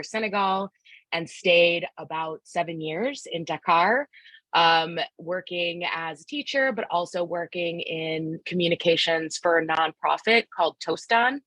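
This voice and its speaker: A woman from Philadelphia in the United States presents a live online workshop through a video call microphone, with no echo. Her voice sits on the low side with a fairly bright tone, and she talks a little slowly. Upbeat and encouraging, she invites the audience to join in and uses lots of fillers.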